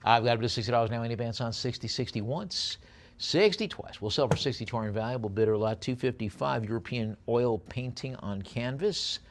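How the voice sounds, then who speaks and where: Slight background noise accompanies a man at a live auction whose medium-pitched voice moves from quick, repetitive bid calls to slower descriptions of each lot.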